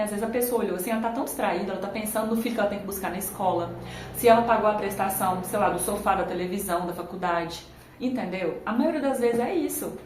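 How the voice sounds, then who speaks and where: A woman's voice: medium pitch, a little mellow, roomy sound, slight background noise, poor audio. A woman talking casually to viewers in a vlog, recorded on a phone camera. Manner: chatty, conversational, addresses viewers directly. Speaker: YouTuber.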